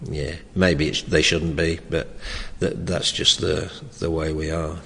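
This older man's voice is extremely low, gravelly and loud, level in tone and unhurried. A former soccer coach, he looks back in an oral history interview, hesitating, restarting sentences and chuckling frequently. The room adds long reverb over faint background noise.

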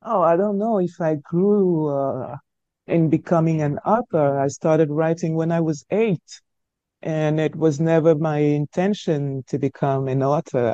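Middle-aged woman, slow unhurried delivery, dry dull lo-fi remote audio. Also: sits low, dark tone, dry recording. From Cameroon. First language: French. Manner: hesitant, searching for words, frequent stammered restarts. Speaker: author guest. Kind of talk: conversational interview answers.

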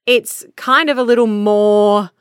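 A woman's voice: mid-range voice, measured pace, smooth, no echo, clean studio sound. An Australian woman hosting a podcast, giving earnest, practical advice on speaking in a conversational teaching style. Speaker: podcast host and voice coach.

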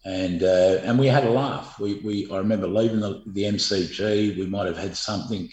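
A man's voice: fairly low pitch, normal speed, a little mellow. A middle-aged Australian man, a former footballer, telling stories in an interview in a rambling, laid-back way with lots of fillers. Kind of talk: storytelling interview. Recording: echoey room.

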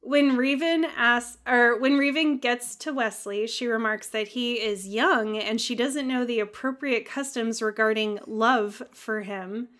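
A woman's voice: a little high, steady tone, measured pace, hardly any pauses, a bit bright. A woman co-hosting a podcast, recapping a TV episode from her notes in a wry, sarcastic way and laughing often. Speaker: podcast co-host.

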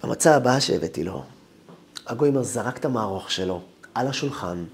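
A man's voice: on the low side, lively intonation. A man, a rabbi, telling a first-person story as part of a sermon.

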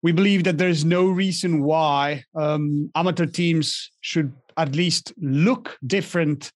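A man's voice: on the high side, steady tone, takes it slowly, dry recording, studio quality. A young man from Argentina, a guest in a casual interview, speaking with many restarts and fillers. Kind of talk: casual interview over a call.

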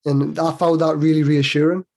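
Guy in his 40s, slightly high husky voice, rambly chatty way of telling a story. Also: little pitch movement, normal speed, a little mellow. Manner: chatty, rambling, with many restarts. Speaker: guest. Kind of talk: casual conversational storytelling.

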